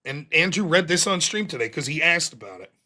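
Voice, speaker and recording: A man's voice: on the high side, very animated, brisk, pushed and bright. A man streaming a heated, profanity-laced rant about a panel debate, talking indignantly and defensively. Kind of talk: heated ranting monologue.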